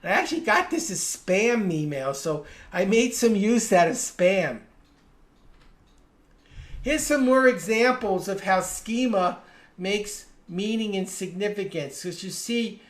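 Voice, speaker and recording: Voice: medium pitch, lively intonation, measured pace. Patient reading instructor in a roomy echo. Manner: explains patiently and stresses single words to show inflection. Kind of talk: live webinar lesson.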